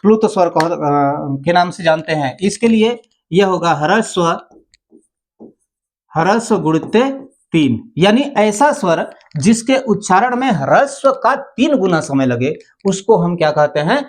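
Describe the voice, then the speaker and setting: A man's voice: sits high, animated, a little slow. A male teacher giving an exam-prep grammar lesson, repeating key terms and asking rhetorical questions.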